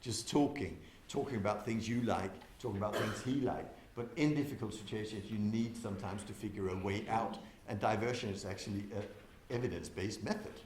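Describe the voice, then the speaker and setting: A man gives a talk in a windowless conference hall, drawing the audience in with questions. His voice moves between loud, waking bursts and low, calm stretches. The hall adds an echo, with a faint hum of noise underneath. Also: a little fast, hardly any pauses. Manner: engaging, quizzes the audience, swings from loud to soft. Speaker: conference speaker.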